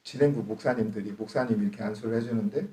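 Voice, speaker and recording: A man's voice: on the low side, very fast, dark tone. A middle-aged man from Chungcheong, preaching to his congregation in a joking way, laughing often and asking them questions. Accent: Chungcheong Korean. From Chungcheong, Korea. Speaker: pastor. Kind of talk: sermon. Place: church hall. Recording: echoey church hall, distant mic.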